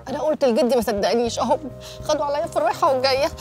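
A woman's voice: sits high, very fast, faint music behind, lightly acted. An actress playing a defensive, exasperated young woman, speaking with an Egyptian accent. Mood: irritated. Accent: Egyptian Arabic. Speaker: employee.

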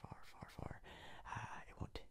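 In unhurried, whispered ASMR style, a man hosting a gaming video murmurs his commentary in a husky, breathy tone. His talk is hesitant and meandering, with words often repeated.

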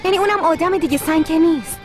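A woman's voice: very high-pitched, music in the background. A young woman dubbing a grown daughter who talks back insistently and defends herself. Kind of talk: Persian dub of a TV series.

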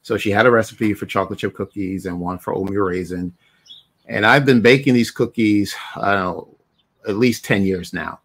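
A middle-aged man from Barbados hosts a podcast over a video call, chatting easygoingly with a guest and dropping plenty of "you know" fillers. He sits in a home room lined with shelves of figures. His voice is lowish and fairly bright, at a moderate pace.

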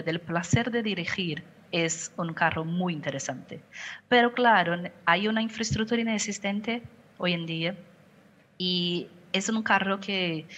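Answering a panel interview question from her home office, a middle-aged communications director from Brazil speaks Spanish colored by a Portuguese accent. She talks over a headset on a video call in a slightly low, somewhat bright voice, pausing carefully to find words and frequently beginning phrases again.

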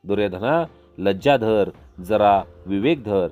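A man voicing a grave older royal counselor who rebukes slowly and sternly. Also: on the low side, animated, a little mellow. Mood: stern, rebuking.

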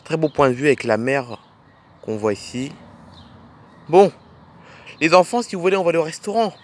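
A man's voice: on the high side, very animated, normal speed, a little mellow. A man narrating a playful toy film as a dad, pointing things out to the kids with enthusiasm.

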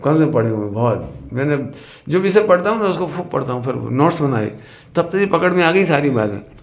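A man giving a sermon in a lively, questioning way, who sometimes sings verse lines. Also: on the high side, fairly quick. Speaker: religious teacher. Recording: echoey hall with some noise.

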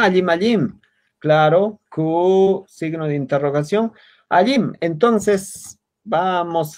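A man teaching an online language class over a video call, patiently repeating words slowly for his students. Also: a little high, darkish tone.

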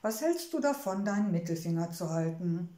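Storybook gnome wife, read by a woman: kindly, homely, gentle, mellow tone, roomy echo. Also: fairly low pitch, animated, normal speed, lightly acted. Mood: soothing. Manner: gentle, wistful, soothing. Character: kindly motherly female gnome, homebody.

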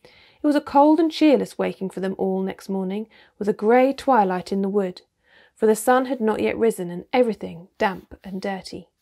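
A woman reads a children's storybook aloud in steady, expressive narration. Her voice is mellow and dark with a gravelly texture. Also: mid-range voice, moderate pace. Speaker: reader.

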